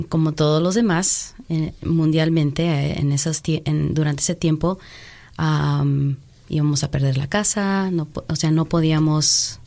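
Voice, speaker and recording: A woman's voice: low-pitched, creaky, a little mellow. A woman who teaches and leads a music group, talking in a casual interview with many fillers and English words slipped into her speech. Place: Chicago.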